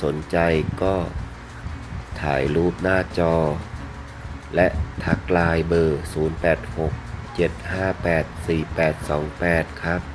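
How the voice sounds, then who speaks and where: A man presenting items for sale in a video, speaking politely in short, halting phrases over music. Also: sits low, steady tone, low-quality recording. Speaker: fish seller presenting betta fish for sale. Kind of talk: unhurried sales video narration. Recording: music playing behind the voice.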